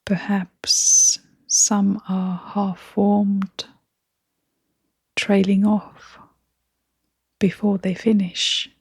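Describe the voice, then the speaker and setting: With long pauses between phrases, a woman leads a scripted meditation in a gentle, soothing near-whisper that is soft and breathy. Her mid-range voice holds a level tone, with no room sound at all.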